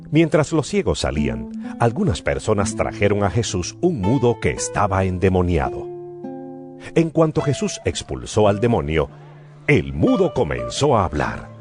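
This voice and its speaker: A man narrating a Bible reading in an expressive storytelling manner. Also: deep voice. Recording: music bed behind voice. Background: guitar music.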